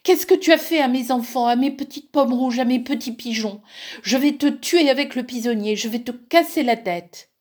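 A woman voicing a bossy, furious old stepmother who scolds and shouts. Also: mid-range voice, expressive, normal speed, close to an everyday voice.

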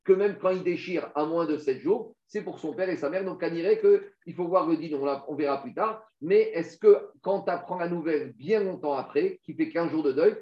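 A man's voice: on the high side, normal speed, hardly any pauses. A man teaching a Talmud class, reading Aramaic passages and explaining them step by step, asking questions and answering them himself. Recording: dull, echoey room recording.

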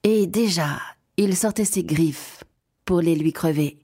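A woman narrating a children's fairy tale in an expressive, measured way. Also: lowish voice, breathy edge. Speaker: storyteller.

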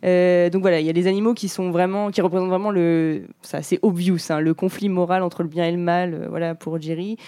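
A woman's voice: on the low side, steady tone, a little fast, hardly any pauses, warm tone, smooth, dry recording. A woman in her late twenties co-hosting a podcast, chatting casually about a film, hesitating often with fillers and restarts. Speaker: podcast co-host. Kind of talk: casual film-review chat.

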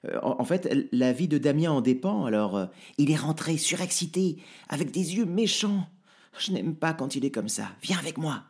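Un homme prête sa voix à une petite fille inquiète et sincère, dans un conte audio. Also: male voice, on the high side, expressive, normal speed, darkish tone, slightly rough, pitched above the performer's own voice. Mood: worried. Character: little girl, anxious and earnest.

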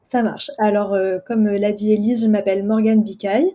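Husky young woman, author guest. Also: medium pitch, flat delivery, moderate pace, dark tone. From France. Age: 20s. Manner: friendly, hesitant fillers. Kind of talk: casual interview answers.

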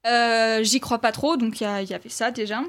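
A woman's voice: fairly high pitch, steady tone, brisk, fairly bright tone. A woman reviewing a film in casual talk, hesitant, with many fillers and restarts.

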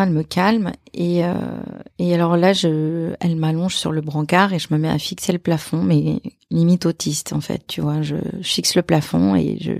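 A woman, an actress and author, telling a personal story as a podcast guest, halting and repeating her phrases. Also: deep voice, creaky, a little mellow, dry recording, clean studio sound.

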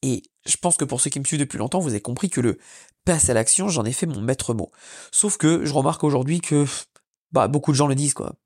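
A man's voice: mid-range voice, fast, dry recording. A French man hosting a solo podcast, talking with lots of energy and frequent restarts. His voice sits in an ordinary middle register, and the recording is dry and close, with no room sound. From France. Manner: energetic, many fillers and restarts. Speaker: podcast host. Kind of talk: casual solo podcast monologue. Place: lives in Orlando.

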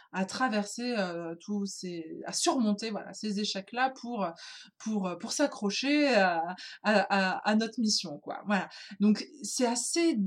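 A woman casually explaining wellness techniques in French, hesitant, with many fillers and restarts, speaking informally to the listener. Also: mid-range voice.

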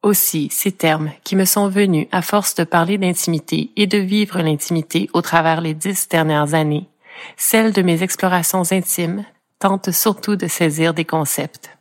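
A middle-aged woman with a Franco-Ontarian French accent, reading a personal podcast narration in a measured, reflective way. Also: fairly low pitch, fairly even intonation. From Ontario, Canada. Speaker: podcast host.

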